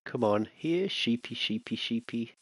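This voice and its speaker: Here a man hosting a gaming channel chats to himself at a measured pace during a survival game let's-play. His mid-range voice is animated and a bit bright, and the recording is dry; he mutters casually, then turns alarmed when enemies come into view.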